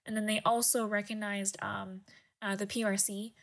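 Woman podcast co-host, hesitant explainer, lots of ums, flat even pitch. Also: normal speed, vocal fry. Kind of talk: casual history podcast discussion.

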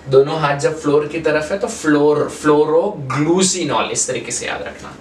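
A man teaching a chemistry lesson at a whiteboard, keeping the class involved with questions and slipping English terms into his explanations. His voice sits a little high for a man. He is recorded from some distance in an echoey room with a faint hiss underneath. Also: fairly even intonation, moderate pace. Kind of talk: whiteboard lecture. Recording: echoey room, far from mic, faint noise.

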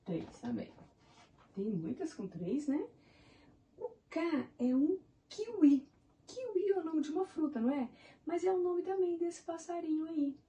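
A woman's voice: extremely high pitch, very animated, a little slow, mellow, distant mic. A woman teaching young children in Brazilian Portuguese, counting syllables of animal names and praising them as she goes. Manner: encouraging, spells words out in syllables. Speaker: primary school teacher.

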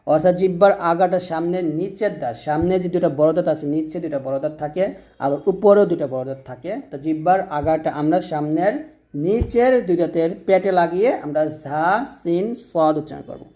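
A man's voice: on the high side, fairly quick, mellow. A man teaching Arabic letter pronunciation, patiently repeating each sound and prompting listeners to say it after him. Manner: patient, repetitive drilling with call-and-repeat prompts. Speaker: Quran recitation teacher.

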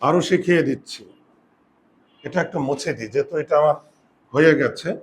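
A man's voice: fairly high pitch, slight background noise. A man teaching a Bengali grammar class, explaining step by step and asking students whether they follow. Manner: drawn-out, emphatic pronunciation of example words. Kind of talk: classroom lesson.

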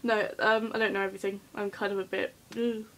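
A woman's voice: medium pitch, level tone, fast, a bit bright, poor audio. A woman chatting casually in a vlog, hyper and giggly, rambling with lots of ums. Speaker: vlogger.

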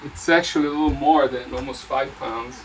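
A man's voice: medium pitch, fairly even intonation, a little fast, slight background noise, rough recording. A man in his fifties, chatting casually while he cooks in a boat galley and explains the dish. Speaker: sailing vlogger. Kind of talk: casual chat while cooking.

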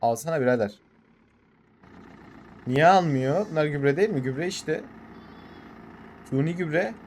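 Excitable Turkish man narrating gameplay. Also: a little high, a little slow, slight background noise. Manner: excitable, swears, talks to his tractor. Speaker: gaming channel host. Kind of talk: casual game commentary.

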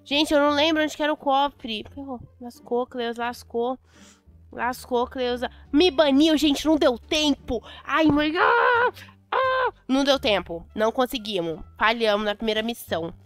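A young adult Brazilian woman commentating a Roblox game, chatty and excitable, repeating words in bursts. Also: high-pitched, normal speed, no echo. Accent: Brazilian Portuguese. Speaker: Roblox gameplay host. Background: faint music.

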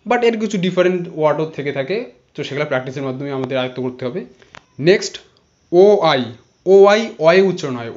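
A man's voice: on the high side, dull audio. A man teaching English spelling and pronunciation, spelling words out letter by letter and repeating each sound. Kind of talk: explanatory lesson.

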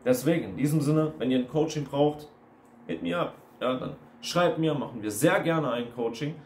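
Speaking at a normal speed, an online coach with a fairly high, darkish voice launches into a blunt, repetitive, emphatic rant. It's a casual monologue video recorded in a roomy space with faint background noise.

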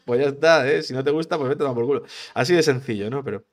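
A man talks through a solo podcast episode in a loose, rambling way. His voice sits at an ordinary middle pitch. He trips over his words, restarts phrases and swears freely as he chats. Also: racing. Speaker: podcast host, gaming streamer. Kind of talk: casual solo podcast monologue.

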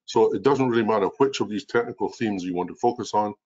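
A man's voice: fairly low pitch, quick pace, darkish tone. A man in his sixties with a strong Scottish accent, presenting as a chief executive in an explanatory business webinar over a video call. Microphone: video call computer mic. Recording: dull, lo-fi video call audio.

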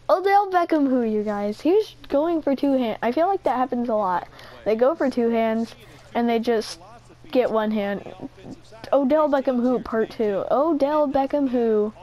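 Shrieking high-voiced woman gaming. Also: measured pace, slight background noise, poor audio. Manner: shrieks and squeals with excitement. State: sore throat. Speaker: gamer. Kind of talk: excitable game commentary. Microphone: headset mic near the ear.

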